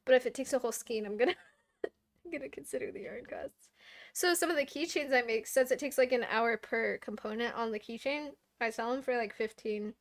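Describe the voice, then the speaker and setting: A woman who makes and sells handmade plushies, talking in a relaxed, rambling way in a casual chat with friends. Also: fairly high pitch, fairly quick. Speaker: crafter selling handmade plushies.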